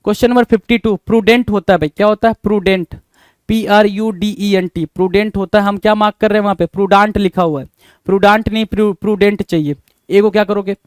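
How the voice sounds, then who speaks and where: Male tutor, high and clear voice, dry close sound; spells out words slowly, keeps asking the class for the answer. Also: fairly even intonation, a little mellow, no room sound. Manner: spells words letter by letter, repeats questions to students. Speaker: teacher. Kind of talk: exam spelling lesson.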